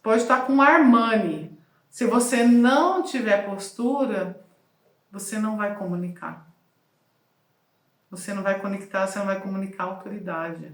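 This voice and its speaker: A woman giving casual advice as a communication and voice coach, talking with lively shifts in pace and emphasis. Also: mid-range voice, moderate pace, echoey room.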